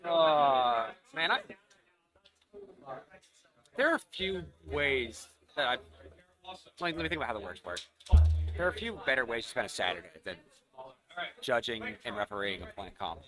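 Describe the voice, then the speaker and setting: A young man doing live commentary on a robot combat event, excitable and losing his voice. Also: medium pitch, normal speed, long pauses, over music. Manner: excitable, shouts at knockouts.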